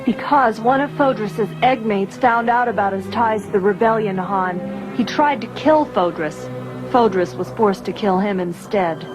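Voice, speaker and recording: An actress playing a commanding young rebel princess with an American accent, brisk and businesslike, in an audio drama. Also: female voice, medium pitch, music in the background, natural voice, low-quality recording. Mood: firm, assured. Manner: businesslike, assured, clearly articulated.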